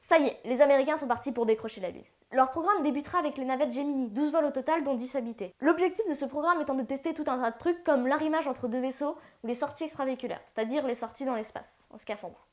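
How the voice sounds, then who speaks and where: A woman's voice: high voice, quick pace, a little mellow. A woman narrating a casual educational video, with playful slangy asides. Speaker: science channel narrator.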